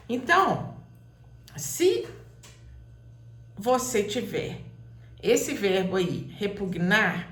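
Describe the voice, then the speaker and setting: A woman with a fairly high, gravelly voice gives a slow, patient grammar lesson. She repeats her examples and now and then calls a word out loudly to show where the stress falls. The room sounds echoey. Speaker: Portuguese teacher.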